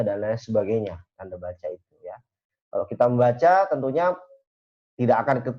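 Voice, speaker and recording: Guy lecturing, chatty and filler-heavy, mid pitch, kinda muffled recording. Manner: conversational, uses many fillers. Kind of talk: university lecture. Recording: dull lo-fi recording.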